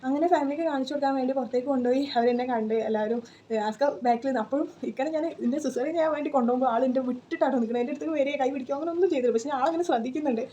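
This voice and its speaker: Young woman vlogger, rattles off a chatty story at high speed, mellow voice. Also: very fast, highs cut off, a little hiss or hum. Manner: chatty, tags sentences with 'you know', many fillers. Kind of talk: casual personal storytelling.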